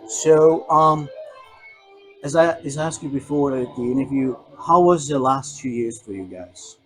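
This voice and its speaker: A man from the Republic, hosting a casual radio interview, friendly, laughing easily, with halting phrasing. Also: medium pitch, rough recording. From Czech Republic.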